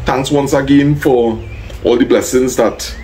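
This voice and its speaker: A man's voice: mid-range voice, steady tone, unhurried, darkish tone, slight background noise, rough recording. Easygoing Trinidadian man vlogging. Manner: easygoing, thanks people by name, gives plain advice. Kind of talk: casual vlog chat.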